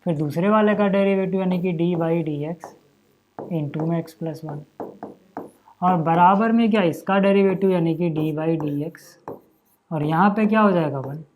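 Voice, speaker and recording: A man teaches a math lesson casually and step by step, calling his students "भैया" and "भाई" ("brother") and checking often with "है ना" and "यार" to see if they follow. His voice is high and measured in pace, with phone-quality sound and slight background noise.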